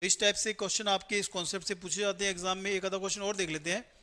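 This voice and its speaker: A male grammar teacher giving a step-by-step classroom lecture for exam students, often checking in with a quick "right?". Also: high-pitched, steady tone, pushed and bright.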